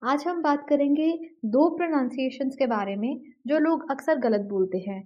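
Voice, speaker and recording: A woman teaching English pronunciation, speaking slowly and carefully and repeating each word twice. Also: high-pitched. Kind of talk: scripted lesson narration. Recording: dull lo-fi recording.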